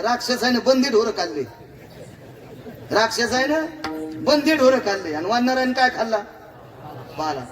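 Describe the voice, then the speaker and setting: A man's voice: high voice, fairly bright tone. A man, telling funny stories in a devotional kirtan sermon, chuckling as he goes. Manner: joking, chuckling storyteller. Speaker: kirtan preacher. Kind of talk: humorous devotional sermon storytelling. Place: live gathering. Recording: distant mic with crowd noise.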